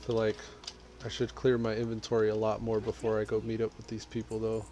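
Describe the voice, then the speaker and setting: A man's voice: lowish voice, fairly quick. A man from Texas, casually commenting on his game and reading chat aloud while he plays. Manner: relaxed, reads chat aloud while playing. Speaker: gaming streamer. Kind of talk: casual live-stream commentary.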